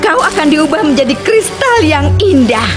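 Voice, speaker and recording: A woman dubbing a menacing, gloating villainess in a superhero film, with drawn-out theatrical threats. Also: high-pitched, sing-song, loud music behind the voice. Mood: gloating menace. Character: sinister villainess who turns people into crystals, menacing and gloating. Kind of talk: dubbed superhero film acting.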